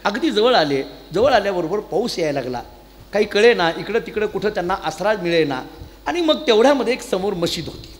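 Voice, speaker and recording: High-voiced man telling a devotional story. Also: fairly quick. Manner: animated storytelling, addressing the audience directly. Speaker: spiritual discourse speaker. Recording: long hall reverb.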